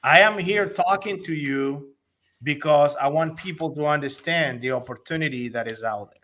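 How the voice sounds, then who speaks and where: A man's voice: fairly high pitch, normal speed, fairly bright tone. A man from Honduras, an investor and company executive, talking eagerly and persuasively in a casual interview, often restarting his sentences.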